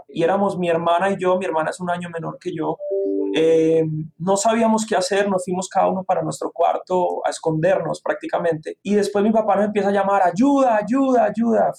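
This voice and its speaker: A man's voice: high-pitched, gravelly, darkish tone. A man in his thirties with a Medellín Colombian accent, telling his life story as an interview guest in an earnest way. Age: 30s. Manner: earnest, storytelling, with frequent fillers. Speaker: guest, real estate investor.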